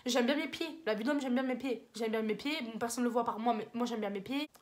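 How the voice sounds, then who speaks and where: Fast-talking slangy young French woman. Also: on the high side, a little mellow. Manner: rambling, slangy, self-mocking. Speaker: vlogger. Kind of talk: casual advice vlog.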